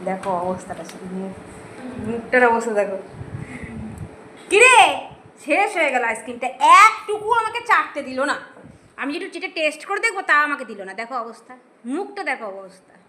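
A woman's voice: high voice, sing-song, normal speed, bright, forceful tone, a little hiss or hum. A woman talking to her toddler in playful, coaxing baby talk, teasing and singing. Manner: sing-song, coaxing and teasing. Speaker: vlogger talking to her child.

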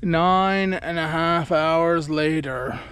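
A man with a fairly high voice draws out his words over background noise. Worn out from farm work, he narrates a casual, easygoing vlog outdoors on his farm and inside a pickup truck, holding an action camera at arm's length.

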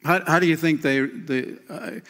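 A man in his fifties preaching a sermon from a lectern in a church, lively and emphatic, often calling listeners "man" and "friend". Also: fairly high pitch, moderate pace, creaky. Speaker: pastor. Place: church stage behind a clear lectern. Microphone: lectern mic. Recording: long church hall reverb.

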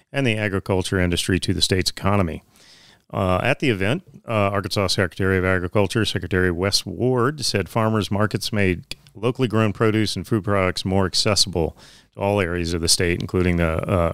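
A man's voice: low voice, fairly bright tone, clean tone, dry recording. A man in his thirties reading agricultural news items in a small podcast studio, with occasional fillers and restarts. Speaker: podcast co-host. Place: small studio office with bookshelves. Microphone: studio mic on boom arm, headphones.

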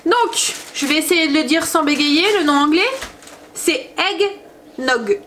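Woman, mother vlogging from her kitchen: high voice, chatty and meandering, lots of hesitations. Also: fairly even intonation, normal speed, fairly bright tone, a little hiss or hum. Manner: rambling, chatty, full of hesitations. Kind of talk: casual chat to camera.

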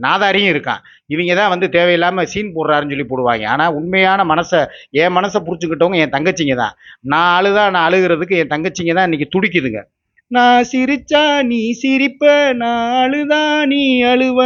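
Here the same kind of emotional vlog plays out: a man in his fifties, a YouTube entertainer, begs his audience through tears, circling back over the same points. His voice sits high and a bit bright, with the top frequencies cut off.

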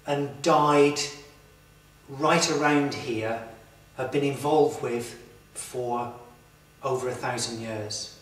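A man in his thirties presenting to camera in a slow, earnest, reflective way, inside a stone church. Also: a little high, a bit bright. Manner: slow, earnest, with emphatic pauses. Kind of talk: reflective documentary talk to camera. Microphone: far camera mic. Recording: echoey church from far off.

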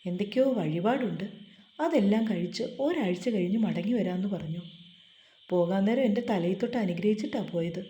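Cheerful young man in a storybook voiced by a woman reader, mellow, roomy echo. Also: medium pitch, lively intonation, brisk, natural voice. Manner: cheerful, joking.

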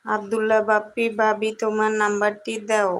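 A young woman from Bangladesh hosting a casual live stream, reading viewers' comments aloud and answering them in a soft, quiet voice. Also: mid-range voice, monotone, brisk, low-quality recording.

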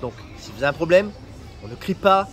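A man's voice: on the high side, big pitch swings, a little fast, soft background music. A man from France giving travel tips in a casual vlog, chatty and joking, speaking straight to viewers outdoors. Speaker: travel vlogger.

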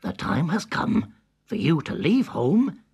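Storybook role: man reading a gentle mother pig giving a warning. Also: on the high side, huge pitch swings, slow, vocal fry, husky, voice pushed up, heavily acted. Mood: cautioning. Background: background music.

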